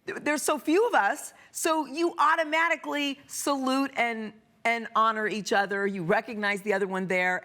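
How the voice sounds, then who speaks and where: A woman's voice: on the high side, fairly bright tone. A woman hosting an interview, musing aloud and searching for words as she asks questions. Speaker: host. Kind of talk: conversational interview.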